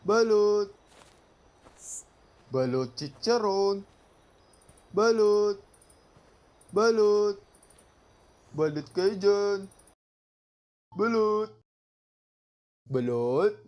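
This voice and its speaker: Man acting as a slow, high-pitched Filipino balut vendor crying his wares. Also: lively intonation, darkish tone, heavily acted. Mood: calling out. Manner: drawn-out repetitive calling out. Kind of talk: street vendor's sing-song hawking cry.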